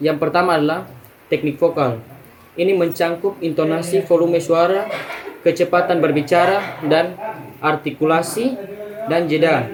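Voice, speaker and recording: A young man, a student, reading a class presentation in a steady, list-by-list way, now and then clearing his throat and restarting a word. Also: fairly high pitch, a little slow, long pauses, slight background noise, low-quality recording.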